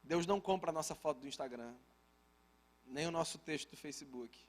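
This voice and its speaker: A man's voice: a little high, brisk. A man with a Brazilian Portuguese accent preaching a sermon at a church service, telling a family story in a conversational style with humorous asides to the congregation. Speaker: pastor.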